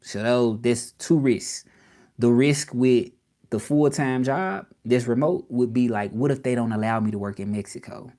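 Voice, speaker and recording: A man from Memphis, Tennessee, in the US South, a native English speaker with a Southern accent, rambles casually on a live stream. He repeats himself and asks his viewers directly what they would do. His mid-range voice is warm at a measured pace.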